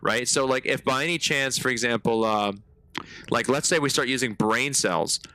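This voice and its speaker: A man streaming a game live and talking to his chat in a loose, slangy way. His voice is bright and forward with some edge, and the sound is close and dry. He rambles into animated stories between moments of play. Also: mid-range voice, moderate pace, no room sound. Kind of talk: live gameplay commentary.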